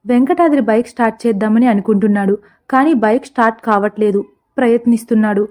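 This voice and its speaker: A woman narrating a comic story in a lively, expressive scripted way. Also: a little high, fast.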